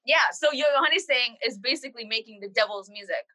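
Bright, high-voiced sarcastic young woman. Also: rough recording. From India. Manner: sarcastic, teasing, quick comebacks. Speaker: podcast co-host. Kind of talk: casual podcast chat.

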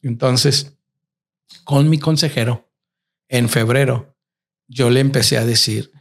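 A man's voice: medium pitch, fairly even intonation, takes it slowly, vocal fry. A middle-aged man telling his grown child a reflective story about his marriage, slipping English words into his talk. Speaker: father and husband, guest. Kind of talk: casual family conversation.

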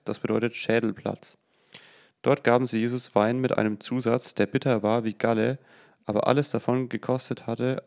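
A man reading a Bible passage aloud in a steady, plain manner, now and then correcting himself. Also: medium pitch, vocal fry. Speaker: Bible reader.

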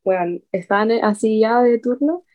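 A young woman with a Chilean accent telling a story in a slangy, animated casual chat. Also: fairly high pitch, unhurried.

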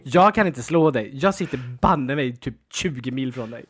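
A man co-hosting a podcast at home, chatting casually, animated and defensive, laughing often. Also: medium pitch, breathy edge. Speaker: podcast co-host. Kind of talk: casual chat. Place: at home, dog in the room.

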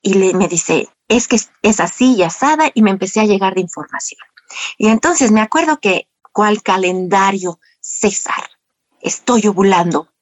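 A middle-aged woman with a Mexican accent, telling a personal story in a lively, conversational way, often asking the audience rhetorical questions. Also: mid-range voice, normal speed, dry recording. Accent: Mexican Spanish. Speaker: speaker sharing personal story. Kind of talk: conversational talk.

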